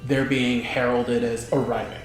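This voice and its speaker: Male game player, casual table talk, medium pitch, echoey room, clear background music. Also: little pitch movement, moderate pace.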